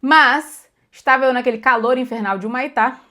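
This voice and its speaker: A woman's voice: high voice, normal speed, sharp tone. A young adult woman with a Brazilian accent, teaching pronunciation in a chatty, casual lesson, often repeating words for emphasis. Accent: Brazilian Portuguese. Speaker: English teacher.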